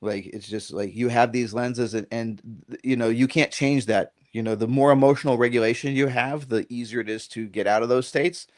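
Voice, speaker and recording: On a podcast, a middle-aged dog-trainer guest speaks at medium pitch and normal speed, hardly pausing at all. His talk is rambling and relaxed, and he animates his stories by acting out quoted lines and checking in with "right?"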